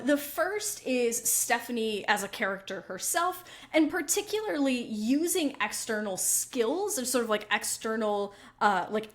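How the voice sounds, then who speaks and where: Woman co-host, higher-pitched voice, upbeat and chatty. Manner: upbeat, chatty, laughs easily. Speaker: podcast co-host. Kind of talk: casual conversational podcast.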